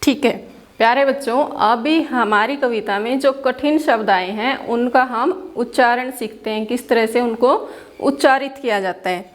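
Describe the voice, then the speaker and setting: Speaking at a normal speed in a fairly high voice, a woman leads a classroom lesson, patiently explaining, asking questions and answering them herself, with English words mixed into her Hindi.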